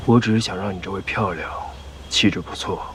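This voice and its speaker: An actor playing a cocky young male soldier who teases calmly. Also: fairly quick, lightly acted. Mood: teasing. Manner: cool, teasing, low-key. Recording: drama audio with faint music.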